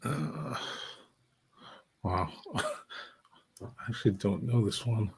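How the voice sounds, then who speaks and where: A man's voice: lowish voice, lively intonation, very slow, a little hiss or hum. A man on a casual live stream, hesitant and thinking aloud.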